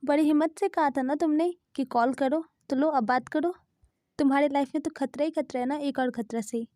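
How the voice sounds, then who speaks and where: A woman's voice: sits high, moderate pace, warm tone, no room sound, clean studio sound, lightly acted. A woman voicing a bossy, impatient young male friend in a storybook-style fan dub, in a scolding, pushy manner.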